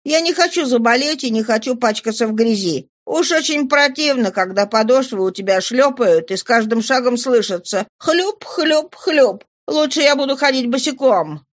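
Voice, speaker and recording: A woman's voice: mid-range voice, very animated, moderate pace, hardly any pauses, no room sound, natural voice. A woman voicing a bold, cheeky poor teenage girl with pert, defiant retorts in an audiobook reading.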